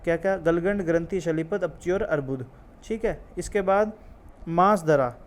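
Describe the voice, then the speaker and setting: A man's voice: a little high, moderate pace, a little hiss or hum. A man teaching an ayurveda exam lesson, repeating key terms, drilling memory tricks and asking and answering his own questions. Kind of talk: classroom-style lecture with memory tricks.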